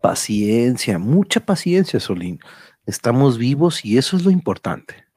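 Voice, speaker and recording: An actor playing a calm adventure hero in a radio drama, speaking in a measured, reassuring way. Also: male voice, medium pitch, breathy edge, dry recording, studio quality, heavily acted. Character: calm, stoic adventure hero counselling patience.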